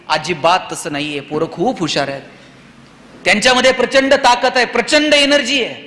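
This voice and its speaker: A man with a Marathi accent giving a motivational speech to students in an auditorium, full of rhetorical questions and animated storytelling. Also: high-pitched. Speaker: motivational speaker. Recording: reverberant hall.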